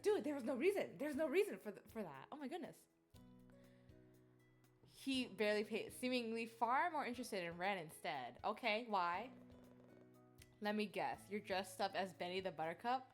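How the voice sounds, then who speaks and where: A woman streaming a game live, reading its text aloud and reacting with playful, giggly squeals. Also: medium pitch.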